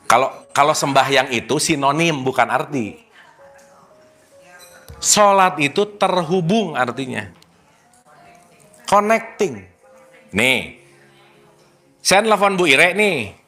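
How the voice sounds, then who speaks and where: Guy giving a playful religious talk, high bright voice, bouncy and animated. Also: takes it slowly, long pauses, soft background music. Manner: animated, playful, teasing audience, mixes English words. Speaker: spiritual teacher. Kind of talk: casual religious study talk to elders.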